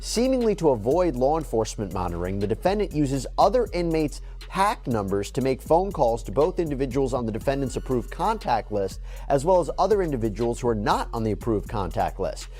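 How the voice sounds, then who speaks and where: Animated man reading out legal news. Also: mid-range voice, brisk, hardly any pauses, faint music behind. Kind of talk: legal news commentary, reading aloud from a document.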